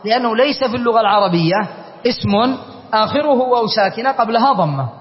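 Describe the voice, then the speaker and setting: A man's voice: high-pitched, lively intonation, quick pace. A man teaching a classroom grammar lesson, quizzing his students and spelling out word forms. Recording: dull long-reverb lecture hall recording.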